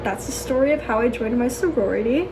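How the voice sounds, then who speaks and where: A woman's voice: fairly high pitch, lively intonation, fast, low-quality recording. A young adult woman telling a personal story casually, as a vlogger, in a chatty, gushing way full of filler "like"s and exclamations. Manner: chatty, gushing, peppers talk with "like" and "oh my gosh". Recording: clear background noise.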